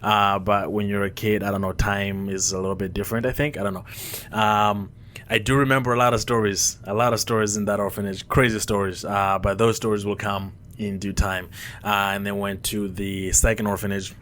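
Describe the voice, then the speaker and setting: A man in his twenties, born in Rwanda and raised in Mozambique, hosting a casual solo podcast, halting with many fillers and restarts. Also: lowish voice, level tone, fairly bright tone, slight background noise. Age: 20s. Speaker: podcast host. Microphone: headphones on, podcast mic.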